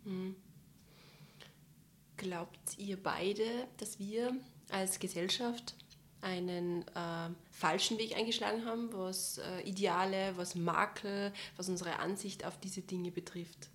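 A woman hosts a podcast interview and puts questions to her guests calmly and deliberately. There is a faint background hiss behind her. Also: medium pitch. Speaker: podcast host.

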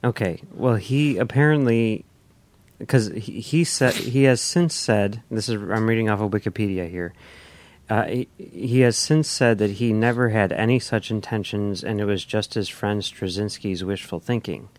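A man's voice: lowish voice, moderate pace. A man co-hosting a casual podcast discussion, talking in a hesitant way with many restarts. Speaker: podcast co-host.

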